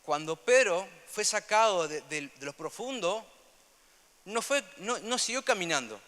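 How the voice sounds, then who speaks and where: Young man, Rioplatense accent, preaching; high, sharp voice with a long reverb tail. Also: expressive, measured pace. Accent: Rioplatense Spanish. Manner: earnest, repetitive, swings between loud emphasis and soft asides. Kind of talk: sermon.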